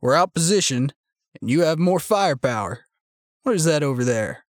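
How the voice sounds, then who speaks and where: A man voicing a young male militia leader who talks in a calm, sardonic, unhurried way. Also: fairly high pitch, no room sound, studio quality, close to an everyday voice. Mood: cool menace.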